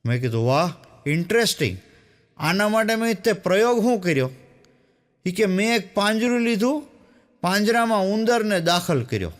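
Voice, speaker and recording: A man's voice: sits high, lively intonation, moderate pace. A man with a Saurashtra Gujarati accent telling jokes as a stand-up comic, acting out the dialogue of the people in his stories. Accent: Gujarati, Saurashtra dialect. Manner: storytelling, quoting characters in dialogue. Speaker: stand-up comedian.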